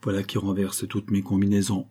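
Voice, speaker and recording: A man's voice: fairly low pitch, completely flat delivery, brisk, mellow, slightly rough. A man reading the lines of a sly, sardonic Portuguese henchman in an audiobook, in a dry, matter-of-fact way.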